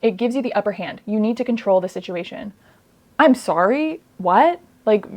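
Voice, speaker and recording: Exasperated young woman ranting. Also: mid-range voice. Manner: exasperated, sarcastic, filler-heavy with frequent "like". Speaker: book reviewer. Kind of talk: casual rant review.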